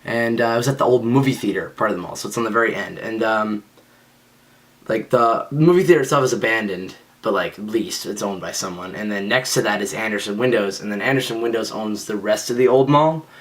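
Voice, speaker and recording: A man's voice: lowish voice, a little fast. A young man telling a story in casual speech, rambling and self-mocking, with lots of fillers. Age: young adult. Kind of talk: casual spoken anecdote.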